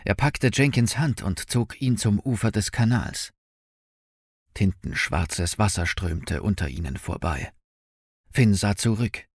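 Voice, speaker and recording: A man narrating an audiobook in an expressive, dramatic storytelling manner. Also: on the low side, measured pace, dry recording, studio quality.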